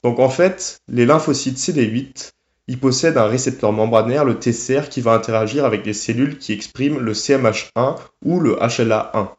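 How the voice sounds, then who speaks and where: A young man presenting a weekly study update for a student podcast, explaining course points in a steady, measured way. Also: mid-range voice, reverberant, highs cut off. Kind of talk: casual scripted podcast segment.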